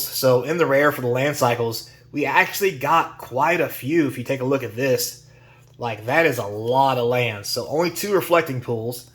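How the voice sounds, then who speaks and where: Man, vlog host, getting over a cold, throat-clearing, chatty, folksy, mid-pitched voice. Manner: chatty, folksy, airline-captain catchphrases. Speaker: YouTube card channel host. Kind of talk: casual card-opening vlog talk.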